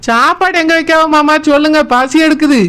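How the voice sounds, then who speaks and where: A sassy younger sister in a village cartoon, played by a woman, who complains and grumbles at her teasing uncle. Her voice is high, with a Kanyakumari Tamil accent. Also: fairly quick, fairly bright tone. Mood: pert. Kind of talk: cartoon voice acting.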